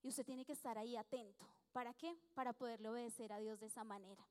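A woman's voice: fairly high pitch, fairly even intonation, fast talker, darkish tone. A woman preaching and telling her own testimony in an earnest, chatty way. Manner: earnest, chatty, acts out dialogue with frequent small laughs. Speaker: church speaker giving testimony. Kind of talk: sermon with personal testimony. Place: church. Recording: echoey church hall.

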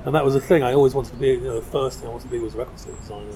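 Here a South London man in middle age, a designer guesting on a podcast, races along in a warm, steady, medium-pitched voice. The pub interview is relaxed and discursive, and a busy crowd chatters behind him.

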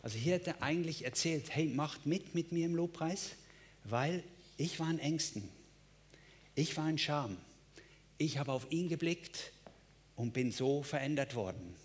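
Emphatic preaching man, fairly high voice. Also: lively intonation, a little slow. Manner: emphatic preaching with repeated phrases and direct address. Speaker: pastor. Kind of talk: sermon.

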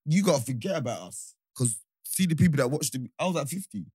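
A man's voice: fairly high pitch, animated, quick pace, darkish tone, breathy edge, dry recording. A man with a London roadman accent bantering casually in street slang as a podcast host, repeating phrases for emphasis.

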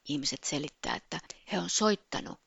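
A woman telling a personal story in a soft, often half-whispered way. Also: low voice, creaky, husky, no echo, muffled recording.

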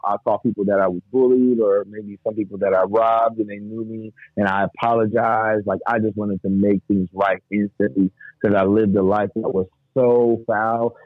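Telling his testimony as a guest, a lowish-voiced man keeps it casual and animated, often laughing and mimicking what others said. The recording is dry and tinny, much like a phone call.

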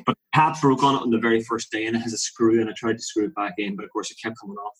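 A man in casual conversation as a podcast co-host, telling rambling stories and interrupting himself, his voice jumping up when he gets excited. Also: lowish voice, very fast, crowd noise, low-quality recording. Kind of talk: casual chat.

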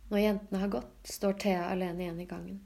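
A woman reading literary fiction aloud in a calm, even, low-key way. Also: gravelly. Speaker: audiobook reader. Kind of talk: scripted literary narration.

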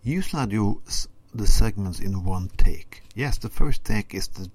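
A podcast segment presenter, a man whose native language is Norwegian, delivers sarcastic commentary in a deadpan tone. His non-native phrasing is halting, and his voice sits lowish with a slight roughness.

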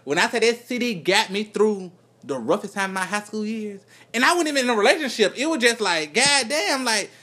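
A man's voice: sits high, lively intonation, brisk, sharp tone. A man in his twenties co-hosting a podcast, telling emphatic, profane stories in casual chat about music. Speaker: podcast co-host.

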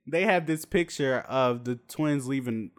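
A man hosting a casual commentary video, talking in a profane, slangy rant with sudden high-pitched outbursts. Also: measured pace. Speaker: video host.

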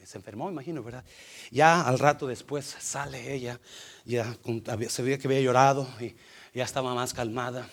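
A man preaching a sermon in a church, telling a story with big swings from loud to hushed. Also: medium pitch, steady tone, fairly quick. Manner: emotive, swings from loud to hushed, mixes in English fillers. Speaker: pastor.

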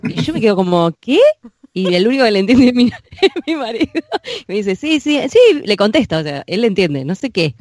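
A woman's voice: mid-range voice, fast talker, dry recording. Chatty Buenos Aires woman, dry sound. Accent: Buenos Aires Spanish. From Argentina. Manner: chatty, laughing, lively storyteller. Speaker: interviewer. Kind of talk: casual chat.

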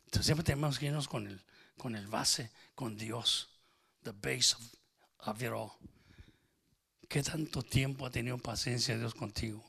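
A man's voice: medium pitch, measured pace, vocal fry, long pauses, bright, forceful tone, breathy edge. A man preaching an informal, joking sermon in a small church, slipping English phrases into his talk. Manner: switches into English phrases, jokes with congregation. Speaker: pastor.

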